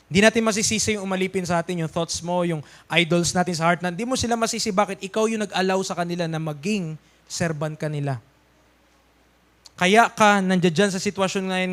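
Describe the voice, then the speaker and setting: A man with a Filipino accent preaching a church sermon, emphatic, calling out amens and dropping to soft asides. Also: high-pitched. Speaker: pastor.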